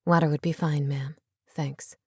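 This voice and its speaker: Soft-spoken polite young man voiced by a woman narrator, lowered and hushed, dry recording. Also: steady tone, measured pace, husky, no echo, full character voice. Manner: soft, polite, says ma'am.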